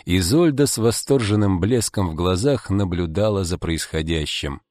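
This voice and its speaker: A man narrating an audiobook in a measured, deliberate, dramatic reading. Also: deep voice, a little mellow, dry recording. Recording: dry close studio sound.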